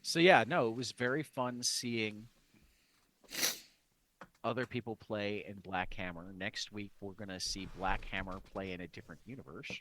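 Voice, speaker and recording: A man's voice: on the low side, normal speed, very noisy. A man co-hosting a comics podcast in casual chat, rambling with many restarts and fillers. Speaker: podcast co-host.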